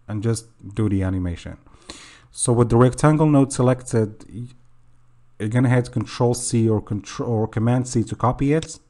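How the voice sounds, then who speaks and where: A young man hosting a software screen tutorial in a casual voice-over, often pausing with "okay" and correcting himself. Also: mid-range voice. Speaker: tutorial host.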